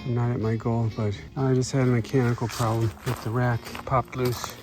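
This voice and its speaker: Chatty male vlogger, mid-pitched, narrating outdoors on a trail over background music. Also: little pitch movement, moderate pace, poor audio. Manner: chatty, self-narrating, breathless from effort at times. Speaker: bikepacking vlogger. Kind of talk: casual narration while riding. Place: outdoors on a swampy forest trail. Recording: music playing underneath.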